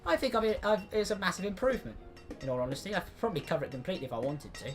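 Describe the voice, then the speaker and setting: A man's voice: sits high, sing-song, racing, faint music behind. A man giving casual let's-play commentary, chatty and rambling, often restarting his sentences. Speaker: gameplay commentator.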